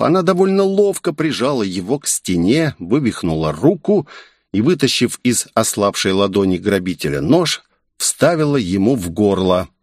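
A man reading a story aloud as its narrator, with expressive storytelling. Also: fairly low pitch, no room sound, clean studio sound. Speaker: audiobook narrator. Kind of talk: scripted narration.

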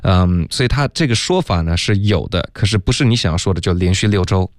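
A man's voice: low voice, expressive, a little fast, no room sound, clean studio sound. A man teaching English pronunciation on a radio lesson, explaining step by step and saying "OK" often. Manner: patient, step-by-step, frequent "OK" and "嗯". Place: radio studio.

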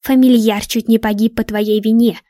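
A woman's voice: mid-range voice, level tone, brisk, a little mellow, dry recording, close to an everyday voice. Brief: stern coven leader witch, hissing and scolding, voiced by a woman, dry sound. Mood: angry. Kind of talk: storybook reading.

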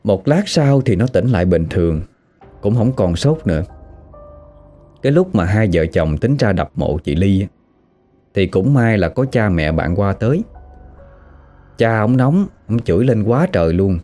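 A man telling a ghost story in a lively, animated way. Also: fairly low pitch, unhurried, pauses often, faint music behind.

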